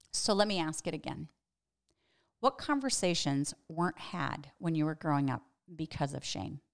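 An earnest middle-aged woman hosting a reflective devotional podcast. She speaks in a slightly low voice and asks her listeners probing questions. She presses her points home with emphasis. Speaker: podcast host and Bible teacher.

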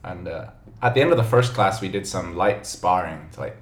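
A man's voice: sits low, animated, a little fast. A man from Hong Kong, a podcast guest telling stories in an easygoing, self-deprecating way. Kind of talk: casual podcast chat. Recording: roomy echo.

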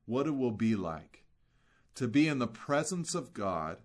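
Male pastor, mid-range voice, earnest sermon delivery with slow stressed words and rhetorical questions. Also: medium pitch, big pitch swings.

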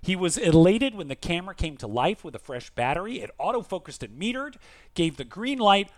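A sing-song, high-voiced man speaks fairly quickly in a dry recording. He's co-hosting a podcast and reading listener mail, and his chat is theatrical, emphatic, and jokey in a lively, casual way.

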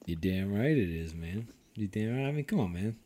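Animated casual podcast host, a man. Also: lowish voice, normal speed. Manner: animated, swearing, laughing often.

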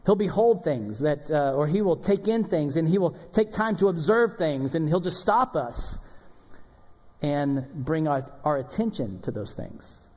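A man in his thirties preaching a sermon as pastor, conversational and story-driven, often dropping to a quiet voice. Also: a little high, very animated, a little slow. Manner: conversational, storytelling with acted quotes and soft drops in volume. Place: church sanctuary. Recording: long hall reverb of a church.

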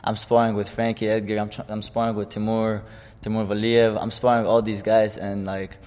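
Young fighter from Chechnya, lower-pitched man, casual interview talk, some hall reverb. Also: level tone, normal speed, darkish tone. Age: 20s. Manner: loose, rambling, many fillers and restarts. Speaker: guest, amateur fighter.

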